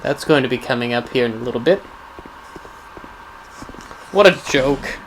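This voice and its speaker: A man's voice: mid-range voice, moderate pace. A man giving casual, rambling gameplay commentary as host, musing wryly as if to himself. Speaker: gaming video host. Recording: clearly noisy background under voice.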